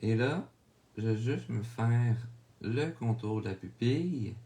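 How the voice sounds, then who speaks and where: A man with a Québécois French accent narrating a drawing tutorial, calmly explaining each step and often checking in with viewers. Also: mid-range voice, takes it slowly. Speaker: drawing instructor.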